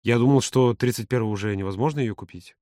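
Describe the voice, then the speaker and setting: A man voicing a calm, grumbling grown man in an audiobook, lower and quieter than his narration. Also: fast, dry recording, studio quality, close to an everyday voice. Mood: dry. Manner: low, quiet, subdued. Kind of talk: audiobook character voice.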